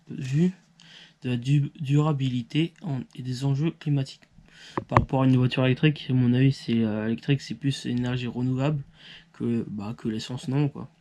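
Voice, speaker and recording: A man's voice: medium pitch, darkish tone. Man, channel host, informal explainer, hesitant, many fillers and restarts. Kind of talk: informal educational talk, partly read.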